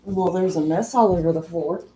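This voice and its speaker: A woman's voice: fairly low pitch, normal speed, dark tone, slight background noise, low-quality recording. A woman, chatting casually and bluntly on a live stream beside her husband, cracking jokes. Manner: blunt, wisecracking. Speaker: host's wife, co-host.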